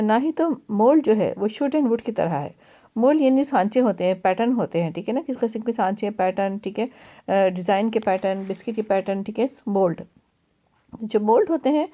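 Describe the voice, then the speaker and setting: A woman teacher giving a recorded English literature lecture, reading poem lines slowly and explaining them in a mix of English and Hindi-Urdu, often checking "theek hai na". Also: fairly high pitch, warm tone. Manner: slow patient explaining, repeats "theek hai na" to check understanding.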